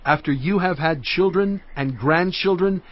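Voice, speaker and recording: An actor playing Moses, a solemn, fervent prophet exhorting his people in grave, measured, emphatic oratory for a dramatized scripture recording. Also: sits high, muffled recording. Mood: solemn warning. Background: cinematic music.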